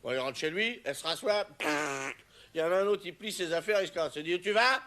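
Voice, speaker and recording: A man's voice: a little high, a little fast, a bit bright. A man with a French accent telling a string of bawdy jokes on stage, rambling and acting out the characters' lines. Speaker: comedian. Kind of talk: stand-up joke telling.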